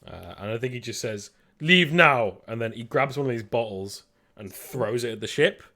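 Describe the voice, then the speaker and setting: A man's voice: medium pitch, fairly quick. A man runs a tabletop game in a loose, casual way. He hesitates often and fills his narration with ums and likes. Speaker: game master.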